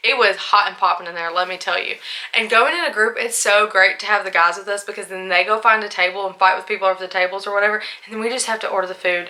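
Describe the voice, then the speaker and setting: A woman's voice: medium pitch, sharp tone. A young woman chatting candidly in a casual vlog, a little tipsy, full of asides and likes. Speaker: vlogger.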